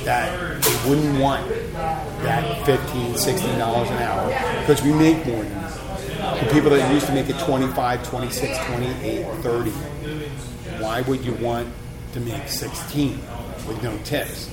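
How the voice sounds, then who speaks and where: This casual radio-style host, a man from Philadelphia, speaks at a medium pitch in a steady, unhurried tone while he rambles and teases. Behind him is a roomy venue with a noisy crowd.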